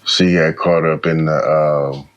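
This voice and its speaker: Laid-back male podcast host with a deep voice and slangy delivery; slightly muffled recording. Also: fairly even intonation, slow. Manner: laid-back, slangy, says "bro" and "man" often. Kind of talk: casual reaction chat.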